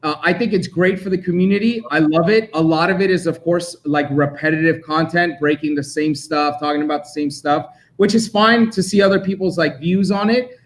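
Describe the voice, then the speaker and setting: A young man from Armenia, raised in Los Angeles, talking casually about his collecting as a guest. His voice sits a little high, and he rambles on freely with easy laughs. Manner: talkative, quick to laugh. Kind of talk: casual chat.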